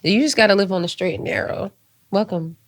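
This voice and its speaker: A woman's voice: mid-range voice, fairly quick, a little hiss or hum. A young woman co-hosting a podcast in casual chat, blunt and teasing, swearing freely. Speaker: podcast co-host.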